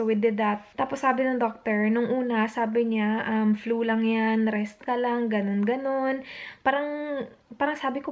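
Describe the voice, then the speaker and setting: On the verge of tears, a young woman at home alone at night chats through a retelling of her long night for a vlog, repeating quotes and switching between Tagalog and English phrases. She speaks on the high side, a little mellow.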